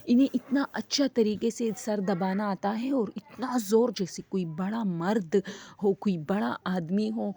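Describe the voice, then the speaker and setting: A woman casually retelling a ghost story, talking to listeners as friends and dropping to a hushed voice in the eerie parts. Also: medium pitch, vocal fry, slightly rough. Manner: conversational, many fillers, addresses listeners as friends.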